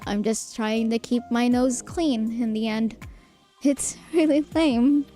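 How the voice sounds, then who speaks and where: Young woman streamer reading game lines slow and soft, kinda apologetic, faint music behind. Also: on the high side, steady tone. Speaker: streamer reading a visual novel aloud. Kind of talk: reading game dialogue and first-person narration aloud.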